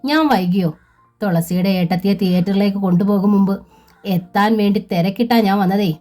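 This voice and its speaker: A woman voicing a calm, philosophical old schoolteacher. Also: mid-range voice, moderate pace, soft background music, natural voice. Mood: reflective. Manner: calm, reflective. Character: older male schoolteacher near retirement, philosophical.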